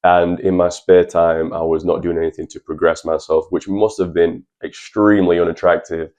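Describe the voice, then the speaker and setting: Deep-voiced young man. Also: flat delivery, moderate pace, a little mellow. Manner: earnest, chatty, addresses viewers as lads. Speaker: channel host. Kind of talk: personal advice vlog.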